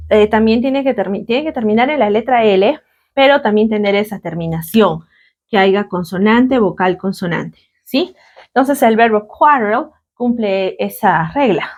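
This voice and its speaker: A woman's voice: mid-range voice, lively intonation. Patient woman teaching English grammar. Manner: patient, repeats words slowly and checks in with "¿listo?". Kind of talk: classroom grammar lesson.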